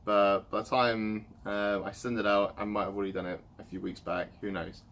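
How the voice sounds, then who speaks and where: A man's voice: on the low side, flat delivery, fairly quick, fairly bright tone. A man in his late twenties, hosting a casual chat and rambling along with fillers. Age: 20s. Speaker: host. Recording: light background noise.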